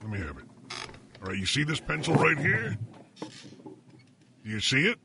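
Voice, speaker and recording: A man co-hosting a comedic podcast, mock-indignant and deadpan, breaking into sudden loud bursts. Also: a little high, normal speed, creaky, very noisy. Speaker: podcast co-host.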